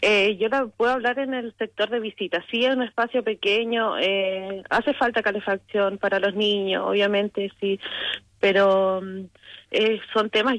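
A woman's voice: mid-range voice, fairly bright tone, no room sound, poor audio. A woman calling in, explaining earnestly and repeating her points. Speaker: caller. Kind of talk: phone-in testimony.

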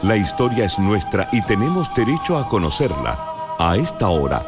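Low guy doing a solemn radio promo, swoops a lot, loud music under. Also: sing-song, normal speed. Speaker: program announcer. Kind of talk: scripted promo narration.

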